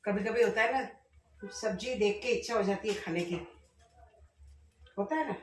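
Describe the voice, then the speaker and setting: A middle-aged woman cooking in her home kitchen, chatting directly to her viewers and speaking loudly on purpose. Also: medium pitch, normal speed, distant mic, faint music behind. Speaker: vlogger. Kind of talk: casual cooking vlog. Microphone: camera set up at a distance. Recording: echoey kitchen, voice off-mic.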